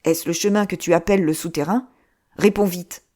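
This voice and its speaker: A woman reading an audiobook, voicing a sharp, mocking male swordsman who fires off curt, commanding questions. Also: lowish voice, fairly even intonation, normal speed, close to an everyday voice. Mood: interrogating.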